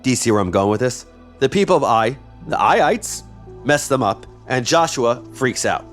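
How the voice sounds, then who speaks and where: A man narrates a history podcast from a script and slips in wry, chatty asides. His voice sits at an ordinary middle pitch. Faint music plays behind him. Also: expressive, moderate pace. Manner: wry, conversational. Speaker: podcast host.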